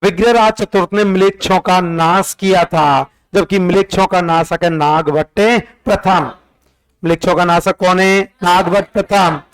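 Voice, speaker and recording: A man's voice: high-pitched, steady tone, normal speed, smooth, low-quality recording. A man teaching history, drilling facts through repeated questions and sing-song counting in call-and-response revision.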